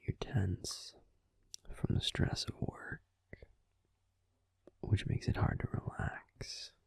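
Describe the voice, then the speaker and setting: A man whispers gently and breathily into a nearby mic, voicing a grumpy young werewolf boyfriend for an ASMR roleplay. The acting is light, the pace slow, and there is no room sound.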